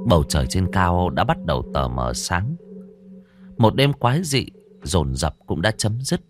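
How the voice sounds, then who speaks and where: A man's voice: low voice, big pitch swings, a little slow, soft background music. A man narrating a horror story in a dramatic, suspenseful scripted telling.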